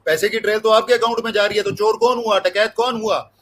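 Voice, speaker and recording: A man's voice: high voice, steady tone, fast talker, fairly bright tone. A man speaking as a party spokesperson in a heated TV debate, combative and accusing.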